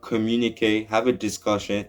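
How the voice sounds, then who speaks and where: A man's voice: lowish voice, little pitch movement, moderate pace, faint music behind. A young man talking to camera in an earnest, opinionated way, rambling and restarting sentences as he argues his point. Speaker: YouTuber. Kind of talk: opinion commentary vlog.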